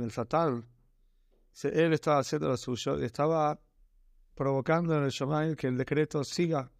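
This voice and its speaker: A man with a Rioplatense Spanish accent tells a religious tale in a slightly raised voice. He sounds earnest and slows down to stretch the key words. The sound is dry and close. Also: a little high, a little mellow, no room sound. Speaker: storyteller. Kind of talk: telling a religious story.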